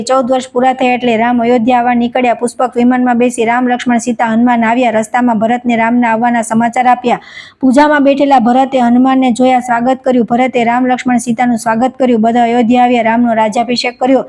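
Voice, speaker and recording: A woman with a Gujarati accent reciting a devotional scripture story in steady, even recitation. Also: a little high, fast talker. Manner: steady recitation, even delivery, quoted dialogue read without acting.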